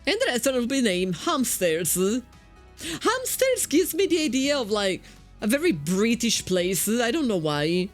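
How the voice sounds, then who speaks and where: An Italian woman from Italy streams a game, chatting casually through her commentary and often repeating the first words of her sentences. Her voice is a little high, sing-song, and a little slow, with soft music playing in the background.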